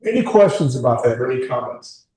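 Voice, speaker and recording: A man's voice: medium pitch, sing-song, fast, warm tone. A man in his sixties leading a career workshop, talking candidly with the group and asking them questions. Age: 60s. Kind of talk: informal group talk. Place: meeting room with a group. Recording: echoey room, mic far off.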